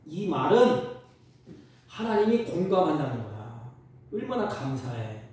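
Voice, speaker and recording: A man, a pastor, preaching a sermon with emphatic outbursts and soft intimate asides, recorded in a church. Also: a little high, sing-song, measured pace. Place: church sanctuary. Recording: echoey church sound from a distance with faint noise.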